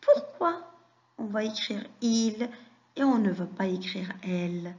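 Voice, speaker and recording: Slow, patient woman teaching young children. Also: medium pitch, darkish tone, muffled recording. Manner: slow, deliberate, praising and questioning pupils. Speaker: French teacher. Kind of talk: classroom lesson for young children.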